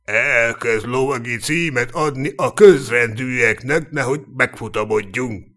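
A man's voice: mid-range voice, sharp tone, close to an everyday voice. Man reading Sir Brolin, a scoffing knight. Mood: mocking. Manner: mocking, chuckling, earthy storyteller. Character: cynical boastful human knight, commoner-born, sharp-tongued. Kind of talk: audiobook character reading.

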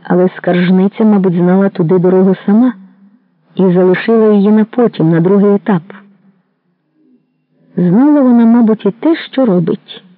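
A narrator reads a literary novel in a measured, even manner. The sound is narrow and phone-like, like an old radio broadcast. It is dry, with no room around it. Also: medium pitch, no room sound. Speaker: audiobook narrator. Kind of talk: literary audiobook reading.

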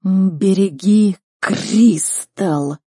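A woman voicing a grave male royal snow leopard who speaks slowly and heavily in a storybook reading. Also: medium pitch, warm tone, slightly rough, dry recording, clean studio sound. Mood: warning. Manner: slow, heavy, deliberate speech.

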